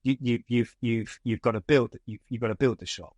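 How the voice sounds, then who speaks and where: A man being interviewed about running a distribution company explains his views conversationally, stammering, restarting, repeating words, and reaching for analogies. His medium-pitched voice is steady, fairly quick, and a little mellow, captured in studio quality with no room sound.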